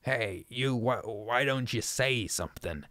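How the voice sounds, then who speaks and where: A wild, half-mad old man, as a man narrating puts him on spits out his tale in a rustic old drawl, swinging from maudlin mumbles to shrill ranting. The voice sits fairly low underneath. It is recorded close and dry, with no room around it. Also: fairly even intonation, slow, creaky, a bit bright, no echo, heavily acted. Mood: agitated.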